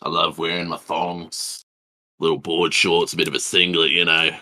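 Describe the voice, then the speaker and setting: A man voicing a brash, beer-drinking, chain-smoking Australian bogan with a broad Australian accent and a slow, boastful drawl. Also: low voice, level tone, bright, forceful tone.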